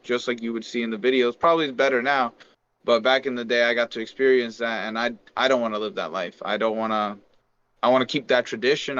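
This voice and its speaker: A man's voice: mid-range voice, fairly bright tone, clear, resonant tone, no echo. A man from Peru, a podcast guest chatting casually, laughing often and searching for words with restarts. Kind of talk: casual chat. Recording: muffled lo-fi dry mic.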